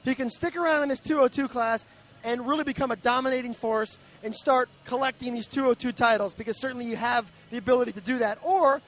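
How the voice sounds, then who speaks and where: A man interviewing an athlete, laying out questions in a deliberate, emphatic way. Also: very high-pitched, fairly bright tone.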